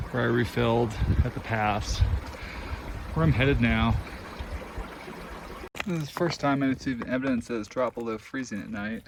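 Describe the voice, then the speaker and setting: A man's voice: mid-range voice, background noise. A man filming himself on a backpacking trip, chatting casually and thinking aloud with a self-deprecating chuckle, sometimes out of breath. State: out of breath at times. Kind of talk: casual trail vlog talking to camera. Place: outdoors on high mountain passes and boulder fields.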